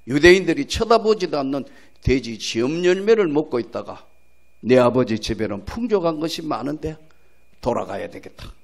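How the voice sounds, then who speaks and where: Dramatic older male pastor, lively pitch. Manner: dramatic, emphatic storytelling. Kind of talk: revival sermon. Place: church service.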